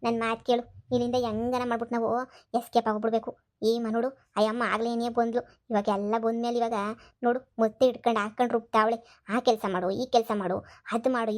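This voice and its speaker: A woman voicing a scheming young maid's daughter in a cartoon comedy, urging. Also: lightly acted. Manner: urging, plotting in a low voice.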